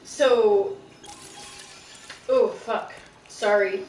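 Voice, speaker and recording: A woman's voice: medium pitch, extremely slow, a little mellow, a little hiss or hum. Woman, stream co-host, rambling casual chatter, far from the mic, roomy echo. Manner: rambling, self-conscious chatter. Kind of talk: casual chat during a game stream. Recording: distant mic in a roomy space with game music. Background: game music.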